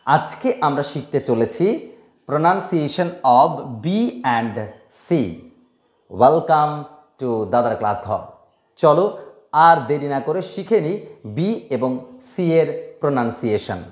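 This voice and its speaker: A man teaching a pronunciation lesson. He drills example words slowly and repeats them, and he often speaks directly to his students. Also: on the high side, expressive. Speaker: English teacher. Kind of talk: classroom-style pronunciation lesson. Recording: echoey room.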